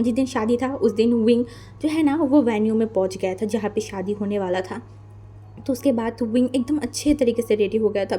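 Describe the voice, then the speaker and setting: A woman's voice: fairly high pitch, dark tone. A woman casually narrating a fan fiction story in a chatty, conversational way. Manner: chatty, conversational, mixing in English words.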